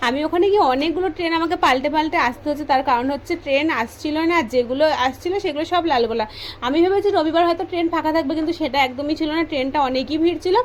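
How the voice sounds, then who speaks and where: Young woman, casual vlog voice-over, soft chatty delivery, high voice, faint background ambience. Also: racing, slight background noise. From West Bengal, India. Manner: says she speaks softly for this voice-over; chatty, addresses viewers directly. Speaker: vlogger.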